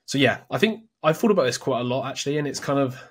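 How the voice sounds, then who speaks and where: Husky-voiced man musing about a book. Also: medium pitch, lively intonation, fast. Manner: rambling, restarts, thinking aloud. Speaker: podcast co-host. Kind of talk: casual book-summary discussion.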